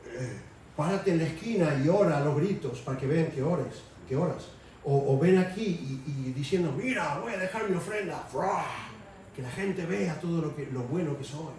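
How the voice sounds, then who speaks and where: A preacher with a slightly high, dark voice gives a conversational sermon in a church hall. He raises his voice to act out quotations, and the far-off mic picks up echo and a little background noise.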